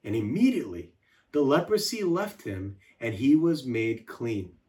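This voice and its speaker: A man giving a devotional teaching in a measured, reflective way, slowing down to list words one by one. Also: medium pitch, sing-song, warm tone. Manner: measured, reflective delivery with slow listed words.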